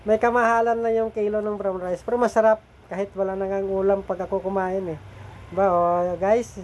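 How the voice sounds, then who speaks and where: Brief: middle-aged food vlogger, mellow and slightly nasal, chatty, keeps checking in with viewers. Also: medium pitch, level tone, a little fast, slight background noise. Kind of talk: casual eating and cooking vlog.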